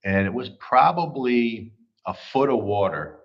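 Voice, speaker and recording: An American middle-aged man hosts a livestream, responding casually to viewer comments and rambling with plenty of filler words. His medium-pitched voice is animated yet measured in pace, and the stream audio sounds slightly dull.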